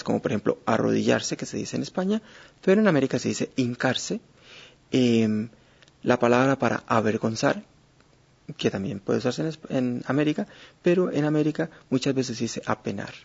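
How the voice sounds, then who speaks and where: Gravelly, husky man explaining slowly. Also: mid-range voice, darkish tone. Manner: measured, with many hesitations. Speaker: Spanish teacher. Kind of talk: explanatory lesson. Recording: dull lo-fi recording.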